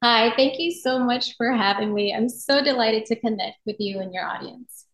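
A middle-aged woman from Japan with an American accent, a yoga and meditation instructor, tells her personal story as a podcast guest in an earnest, articulate, reflective way. Her voice is on the high side and fairly bright, at a moderate pace. There's a roomy echo on her voice.

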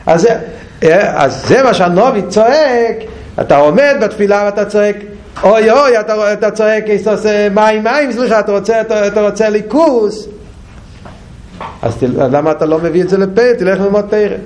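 A high-pitched man gives a Torah class. He keeps asking questions and repeating himself, swinging from a raised, urgent tone to a low, quiet one. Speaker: Torah teacher.

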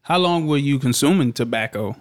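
A man leads a casual interview, asking long questions that wind as he talks. His voice sits at an everyday middle pitch. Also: lively intonation, brisk. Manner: asks long winding questions. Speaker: host.

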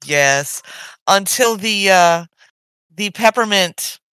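A middle-aged woman chats as a podcast co-host, her voice bright and swinging widely in pitch. She sighs often and talks in an animated way. The sound is dry and close to the mic. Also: slow, smooth, no echo. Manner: animated, sighing, chatty. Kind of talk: casual chat.

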